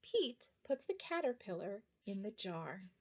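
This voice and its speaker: A woman reads a picture book aloud to young children, speaking to her small listeners directly. Her mid-range voice is very animated, and she takes her time.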